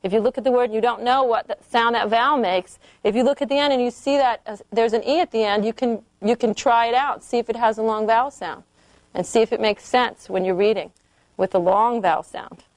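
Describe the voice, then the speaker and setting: With a brisk, fairly high voice, a woman gives a classroom phonics lesson to a small group of children, patiently asking questions and checking they follow along. There is no echo.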